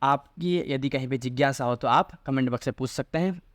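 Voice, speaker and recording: A man teaching a lecture, asking rhetorical questions and answering them himself, and reciting classical phrases slowly. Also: medium pitch, no echo, clean studio sound. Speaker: Sanskrit teacher. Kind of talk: explanatory Hindi lecture on a Sanskrit logic text.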